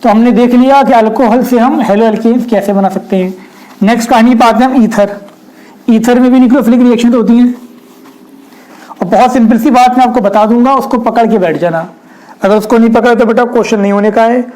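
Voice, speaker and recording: A man's voice: very high-pitched, a little fast, darkish tone, rough recording. Man teaching chemistry, quizzing students. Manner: repeats rhetorical questions, addresses students directly. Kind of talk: whiteboard lecture.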